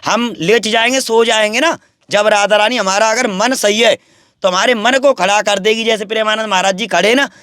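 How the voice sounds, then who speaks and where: Brief: man, very high voice, dry close sound, boastful preachy holy man. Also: steady tone, normal speed, bright, forceful tone, no echo. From Braj region, India. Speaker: wandering sadhu interviewed. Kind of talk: rambling spiritual talk.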